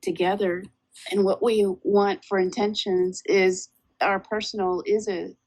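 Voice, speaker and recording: A woman's voice: mid-range voice, little pitch movement, a little slow, a little mellow, poor audio. A woman co-hosting a casual spiritual podcast, talking in a reflective, meandering way, a little lispy from a retainer. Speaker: podcast co-host.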